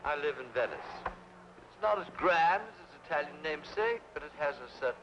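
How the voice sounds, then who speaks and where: A courtly old sea captain from an old film. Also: male voice, lively intonation, fairly quick, fairly bright tone, a little hiss or hum. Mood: genial. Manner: smooth, courtly, then booming showman pitch. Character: older male sea captain and carnival barker. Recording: dull 1960s film soundtrack.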